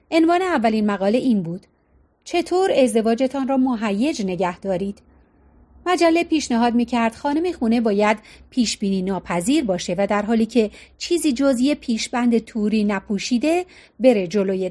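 A woman narrating a novel as an audiobook, in a high voice. She tells the story in a steady, even manner.

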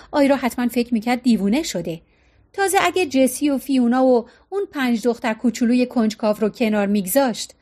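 A woman narrating a novel in a steady storytelling manner. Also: sits high. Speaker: audiobook narrator.

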